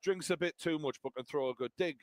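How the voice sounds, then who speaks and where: A man's voice: fairly high pitch, quick pace, dry recording. A man giving blunt, sweary casual fight commentary on a live stream, tagging lines with "right?" and "mate". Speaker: co-host of a live fight watch-along.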